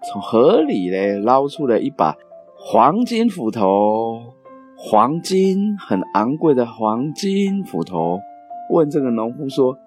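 Animated male children's storyteller. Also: mid-range voice, slow, faint music behind. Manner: animated, with sound effects.

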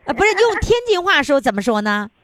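A woman's voice: high voice, very animated, fast talker, fairly bright tone, dry recording. A woman hosting a radio call-in show, chatty and playful, laughing often.

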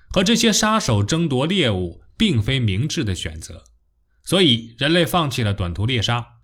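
A man reading scripted popular science narration in a nature documentary manner, telling it like a story with expressive emphasis and rhetorical questions. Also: medium pitch.

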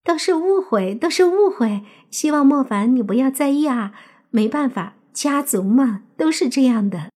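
A woman voicing an anxious relative who apologizes hastily in a raised, high voice, husky-toned. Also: expressive, normal speed, darkish tone. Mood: apologetic. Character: anxious smoothing-over relative, high and hurried.

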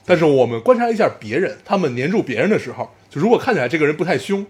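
一位带北京口音的男播客主持人，用很口语的方式轻松闲聊，也读听众留言。. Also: male voice, fairly high pitch, very animated, racing. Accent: Beijing. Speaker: podcast co-host reading listener messages. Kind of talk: casual chat.

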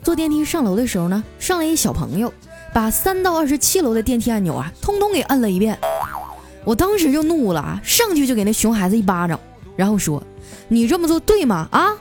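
A woman podcast host telling comic stories in a lively, playful way. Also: on the high side, soft background music. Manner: lively, playful with frequent drawn-out particles. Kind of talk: comic storytelling.

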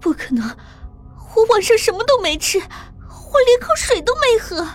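A woman's voice: extremely high pitch, big pitch swings, a little fast, soft background music. A woman voicing a terrified young woman who stammers out trembling questions. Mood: frightened, pleading.

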